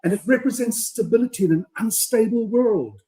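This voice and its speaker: His voice sits high and warm, and he talks a little fast. He is a podcast co-host on a live show, chatting casually on the stream in an earnest, speechifying style that often ends with "right?".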